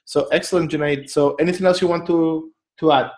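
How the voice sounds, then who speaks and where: A man's voice: a little high, fairly even intonation, a little fast. Upbeat male conference moderator. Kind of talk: live moderating. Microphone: video call.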